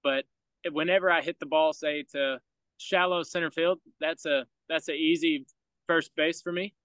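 A man's voice: on the high side, fairly even intonation, moderate pace, a bit bright, no room sound, low-quality recording. A young man from Georgia with a Southern country accent, chatting as a podcast guest and telling laid-back stories with frequent chuckles. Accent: Southern US, rural Georgia. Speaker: podcast guest, baseball player. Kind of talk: casual interview chat.

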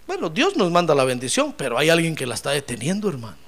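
High, gravelly preacher who bursts into shouts. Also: male voice, huge pitch swings, quick pace. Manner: comic storytelling, bursts into shouting. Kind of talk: sermon.

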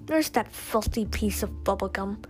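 A woman voicing a pompous, mocking male castle owner in a read-aloud story, loud and scolding. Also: medium pitch, animated, moderate pace, faint music behind, lightly acted. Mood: alarmed.

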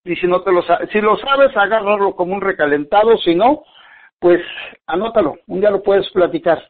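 Male motivational radio speaker, earnest, repetitive, higher voice, phone-line sound. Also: normal speed. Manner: earnest, repeats phrases for emphasis, speaks directly to the listener.

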